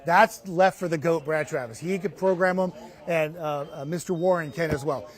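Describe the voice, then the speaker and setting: Speaking at a normal speed in a fairly high voice, a middle-aged man who works as a TV meteorologist explains conversationally yet emphatically. He's wearing a lapel mic for a live remote interview set inside a hardware store.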